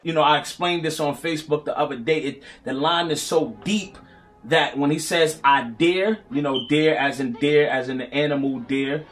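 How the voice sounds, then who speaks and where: A man's voice: on the high side, steady tone, normal speed, fairly bright tone, faint music behind. A man giving casual, mocking commentary on battle rap clips, mimicking the words he repeats.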